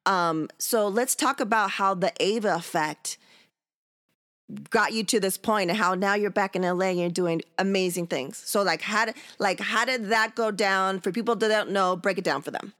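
A woman's voice: mid-range voice, normal speed. Chatty woman interview host. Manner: relaxed, chatty, laughs along. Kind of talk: casual interview.

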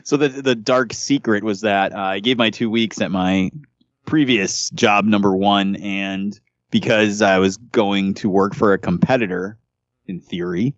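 A man's voice: lowish voice, steady tone, a little slow, no room sound. A man hosting a casual podcast, upbeat and joking, with showy intros for his co-hosts. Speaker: podcast host. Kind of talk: casual chat. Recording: dull dry lo-fi mic.

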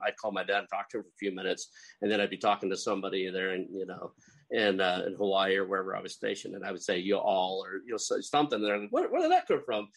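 A middle-aged podcast host from Oklahoma, speaking with a light Oklahoma accent, rambles through a casual interview full of chuckles and fillers. His voice is fairly low with a breathy edge, captured on a low-quality recording.

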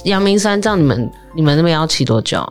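A woman's voice: sits low, animated, fast talker, soft background music. A woman with a Taiwanese Mandarin accent hosting a casual chat, asking questions and reacting with exclamations. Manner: exclamatory, inquisitive. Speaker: host.

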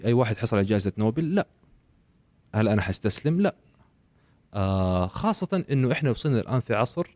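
A man's voice: lowish voice, darkish tone, dry recording. A man, a podcast guest and author talking in a casual interview, emphatic and lecturing, slipping in English phrases.

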